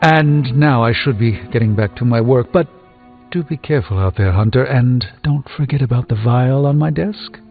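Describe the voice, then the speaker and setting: An actor playing an erudite, wry sorcerer doctor in a video game, articulate and formal with a slightly pompous, dry wit. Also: male voice, medium pitch, moderate pace, creaky. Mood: kindly composed. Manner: articulate, formal, dryly witty. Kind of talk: scripted video game character dialogue. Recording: tinny band-limited game audio over music.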